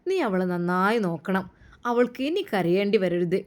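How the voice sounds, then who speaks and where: A woman's voice: medium pitch, expressive, normal speed, natural voice. A woman voicing a caring older mother giving earnest advice to her son.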